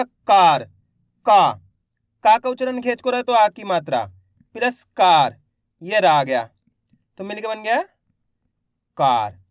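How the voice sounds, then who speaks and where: A man teaches beginners how to spell simple words, stretching each syllable and asking the same question twice before he answers it. His voice sits high and comes through clear. It is recorded close and dry, with no room sound behind it. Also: fairly bright tone, no room sound. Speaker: Hindi teacher. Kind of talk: patient spelling lesson for beginners.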